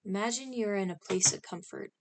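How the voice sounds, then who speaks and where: Against a noisy background, a woman with a mid-range voice leads a scripted guided meditation at a fairly quick pace. She stays calm and instructional, using short, spaced-out phrases.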